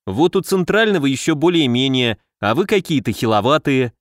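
A man's voice: medium pitch, big pitch swings, brisk, no echo, studio quality, natural voice. A man voicing a cocky, teasing young elf warrior in an audiobook.

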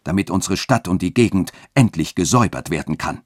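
A man's voice: sits low, expressive, fairly quick, no echo, studio quality. A man reading a literary radio story and voicing a wrathful, fanatical bishop who thunders his commands. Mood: stern.

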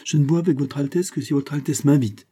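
A man reading aloud, voicing a dignified middle-aged count who speaks with measured, courteous humility. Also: on the high side, dark tone, breathy edge, voice pushed up.

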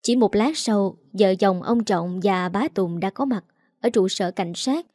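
A woman narrates a story in an even, measured delivery. Her voice is mellow and close to the mic, with a dry, dead sound. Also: medium pitch, dry recording.

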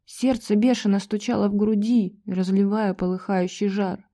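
A woman narrating an audiobook in a measured, tense storytelling manner. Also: medium pitch, fairly even intonation, warm tone.

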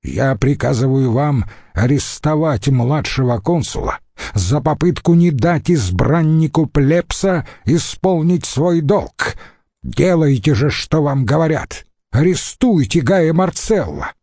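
A man's voice: fairly high pitch, lively intonation, takes it slowly, dark tone, no echo, studio quality, voice pushed up, exaggerated voice. A man reading an audiobook, voicing a defiant young Roman tribune who talks in a bold, mocking, commanding way.

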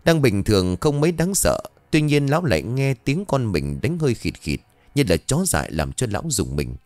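A man narrating a ghost story with an animated, dramatic telling. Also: medium pitch, moderate pace, dry recording. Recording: dry studio voice with faint music.

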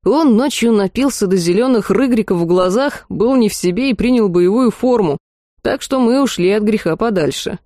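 A woman's voice: medium pitch, expressive, moderate pace, warm tone, no room sound, clean studio sound, natural voice. A woman reading a mumbling hungover student guy. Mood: sheepish. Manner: mumbling, groaning and apologetic. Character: hungover young male student, sheepish. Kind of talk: audiobook character reading.

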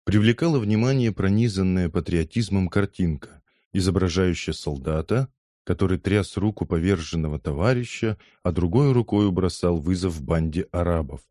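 A male narrator with a low, dark, mellow voice reads a novel aloud in steady, even storytelling. The recording is close and dry, with no room sound. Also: moderate pace, no echo. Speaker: audiobook narrator. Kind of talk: scripted narration.

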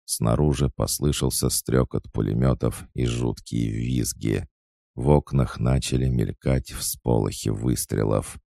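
A man narrates an audiobook in a steady, measured way. His voice is extremely deep and gravelly, and he reads slowly. The sound is dry and close to the mic. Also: dry recording.

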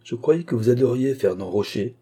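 A man voicing a calm, dry, scheming English baronet in an audiobook reading. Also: mid-range voice, normal speed, husky, pitched above the performer's own voice. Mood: cool.

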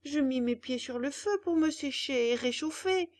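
A woman's voice: high-pitched, normal speed, voice pushed up, lightly acted. A woman voicing a hungry, bratty wooden puppet boy in a storybook reading, whining and demanding. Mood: complaining.

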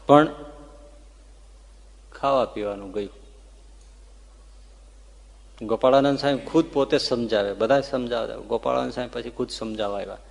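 A man delivers a devotional sermon as a story, his voice mid-range in pitch. He lifts it with feeling at the dramatic moments and lets it fall soft at the tender ones. His voice hangs in the long reverb of a big hall. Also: normal speed, gravelly, pauses often. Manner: tells the story with emotional rises and soft dips. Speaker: religious storyteller.

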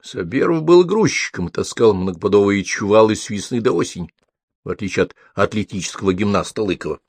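A man reading an audiobook in an even, storytelling manner. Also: on the low side, a little fast, breathy edge, no room sound. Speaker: audiobook narrator. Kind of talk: scripted narration.

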